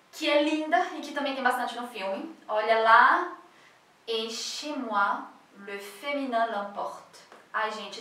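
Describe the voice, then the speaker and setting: Brazilian lady teaching french, chatty, laughs a lot, kinda high voice, really echoey room. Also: a bit bright, recorded from a distance. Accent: Brazilian Portuguese. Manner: chatty, laughs often, reads French phrases slowly. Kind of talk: casual online language lesson.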